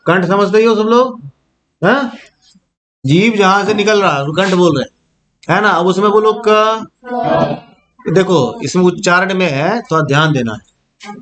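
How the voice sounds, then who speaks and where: High-voiced man teaching grammar. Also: measured pace, long pauses, crowd noise. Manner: demonstrates sounds aloud, keeps checking if students follow. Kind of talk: classroom-style grammar lesson.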